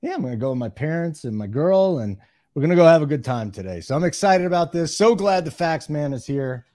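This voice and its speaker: A podcast co-host who chats casually and teases in a dry tone. His voice sits a little higher than most men's. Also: sing-song, fairly quick, mellow. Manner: dry, teasing. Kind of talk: casual chat.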